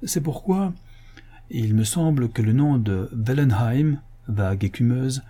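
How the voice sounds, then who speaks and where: A man's voice: mid-range voice, expressive, unhurried, mellow. A man voicing a fussy, pedantic hunchbacked clerk who speaks formally.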